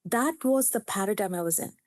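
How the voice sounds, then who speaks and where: A Telugu-speaking woman from India in her fifties, with an Indian English accent, appears as a psychiatrist guest in an interview, telling her story earnestly and reflectively. Her mid-range voice moves briskly, and the recording is studio quality with no echo.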